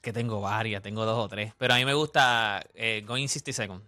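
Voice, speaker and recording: A man in a casual chat, excitable and insistent. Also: on the low side, a little fast, faint music behind. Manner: excitable, insistent, repeats himself.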